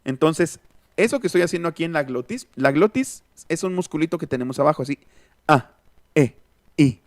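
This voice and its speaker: A man's voice: a little high, expressive, quick pace, dry recording, clean studio sound. A man with a Mexican accent teaching an online linguistics class, thinking aloud and answering students' comments as he goes. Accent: Mexican Spanish. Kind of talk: online lecture. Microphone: close mic, online class.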